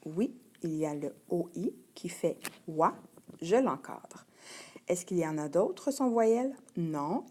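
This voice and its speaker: A woman teaching a young child to read, sounding out letters and syllables slowly and clearly. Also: lowish voice, warm tone. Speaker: primary school teacher. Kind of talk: slow patient reading lesson.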